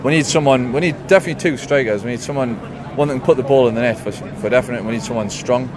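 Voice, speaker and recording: A man's voice: medium pitch, fast. A man giving a blunt, wry football opinion with colourful comparisons. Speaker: football fan interviewee. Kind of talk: casual opinion. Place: outdoors on a busy street. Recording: crowd chatter behind.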